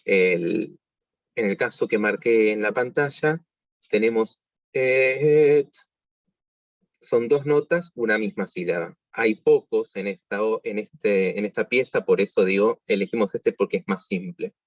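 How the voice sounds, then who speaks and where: An Argentine man teaches a workshop over a video call, explaining patiently with frequent fillers and self-corrections. His voice sits fairly low, and the sound is dry and dull, like a lo-fi computer microphone. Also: unhurried, no room sound. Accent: Argentine Spanish. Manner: explanatory, with many fillers and restarts. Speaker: music teacher. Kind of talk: online workshop lesson.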